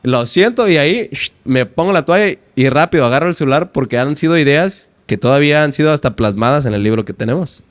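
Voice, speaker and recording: Young Mexican man telling animated stories. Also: on the high side, fast talker, few pauses, dry recording. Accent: Mexican Spanish. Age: 20s. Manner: animated storyteller who acts out his own quoted lines. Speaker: guest poet and language teacher. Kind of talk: casual podcast interview.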